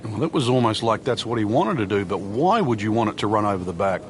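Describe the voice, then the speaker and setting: A man voicing a golf color analyst in a video game, explaining the course in a relaxed, casual way. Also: lowish voice, quick pace, slight background noise, lightly acted.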